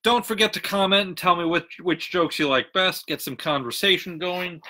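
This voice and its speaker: A pastor with a bright, lightly raised voice talks to his online congregation. He greets viewers by name and reads jokes in a chatty way. His delivery stays easygoing. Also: sits high, normal speed. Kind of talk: livestreamed sermon and joke reading.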